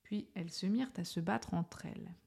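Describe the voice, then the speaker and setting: A woman reading a children's storybook aloud with gentle expression. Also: on the low side, brisk, creaky, breathy edge.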